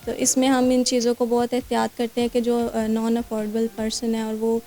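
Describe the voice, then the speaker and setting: A Pakistani-accented woman doctor talks through skin treatments in an interview, pausing on fillers and slipping in English medical words. Her voice sits a little high, mellow and warm in tone, held to a narrow, even melody. Faint music plays under her. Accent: Pakistani Urdu. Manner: explanatory, with many fillers and English terms. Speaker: clinic doctor. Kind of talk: interview answers. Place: skin clinic.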